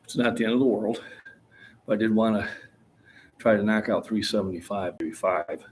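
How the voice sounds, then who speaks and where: A man's voice: lowish voice, moderate pace, a little mellow, slight background noise. A man in his sixties talking casually in a gym about his lifting, plainspoken and rambling. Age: 60s. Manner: plainspoken, rambling, chuckles easily. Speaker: fitness vlogger. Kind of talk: casual gym vlog talk.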